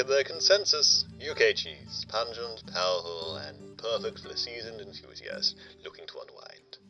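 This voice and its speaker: A man voicing a tester who gives a quiet, laid-back review. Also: fairly low pitch, lightly acted. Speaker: product tester.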